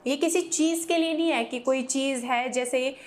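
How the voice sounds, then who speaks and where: A woman teaching English vocabulary, explaining in Hindi and reading English examples slowly and carefully. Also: high-pitched. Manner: urges viewers to repeat pronunciations aloud. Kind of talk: vocabulary lesson.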